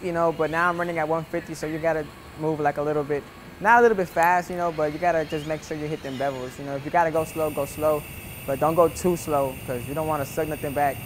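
A man's voice: a little high, steady tone, fast, slight background noise. A young man giving a casual, rambling welding lesson, full of "you know" and "like". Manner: laid-back, rambling, many fillers like "you know" and "like". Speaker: welding instructor. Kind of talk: casual instructional voice-over.

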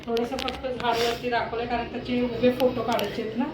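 Young woman, home vlog chat, fairly high voice, noisy phone recording. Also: flat delivery, fairly quick. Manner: chatty, coos to a baby in a high sing-song voice. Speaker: vlogger. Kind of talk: casual home vlog narration. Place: home, indoors.

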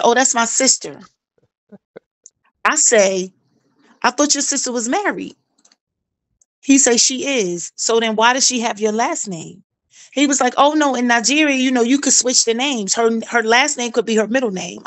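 A woman's voice: fairly high pitch, a bit bright, no room sound. A middle-aged woman tells her own story in casual chat. She talks animatedly, acting out quoted dialogue and repeating phrases for emphasis. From South Carolina, US.

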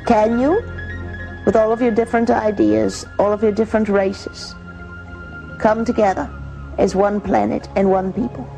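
A woman speaking as a calm female spirit from Venus she claims to channel, slow and measured, in an old documentary clip. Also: mid-range voice, vocal fry, lightly acted, low-quality recording. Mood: instructive. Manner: slow, measured, gently instructive. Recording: archive TV documentary clip with music behind.

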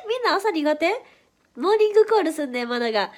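High-voiced chatty Kansai woman. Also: very animated. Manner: chatty, playful, quick to react. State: stuffy nose from hay fever. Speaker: idol livestream host. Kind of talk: casual livestream chat reading viewer comments.

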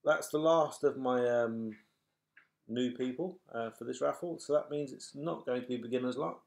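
A man's voice: medium pitch, moderate pace, gravelly, darkish tone. A middle-aged British man calling raffle balls like a bingo caller, chatty, matey and apologetic to the players. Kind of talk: bingo caller announcing numbers and names to players. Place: small furnished room at home, indoors. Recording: noisy home webcam recording with clatter.

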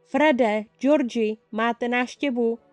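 Storybook reading: a woman reading as a loud, fussing mother witch, warm and effusive, with a dark, mellow tone. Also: a little high, no room sound, faint music behind, natural voice. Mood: delighted.

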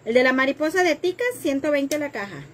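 A woman's voice: high-pitched, lively intonation, a little fast, a little hiss or hum. A woman hosting a live craft tutorial, chatting with viewers and joking about herself while she cuts. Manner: chatty and self-deprecating, reads viewer comments while working.

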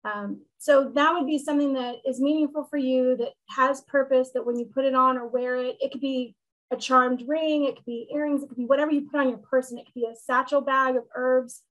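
A woman with a high, light voice teaches a small group over a video call. She explains things in a relaxed, casual way and slips in the odd joke. She is talking from a room at home. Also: brisk, low-quality recording. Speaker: witchcraft teacher hosting a meetup.

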